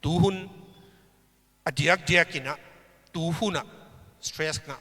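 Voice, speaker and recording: A man preaching a sermon at a church service, slow and emphatic, with big swings in pitch and loudness. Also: big-room sound.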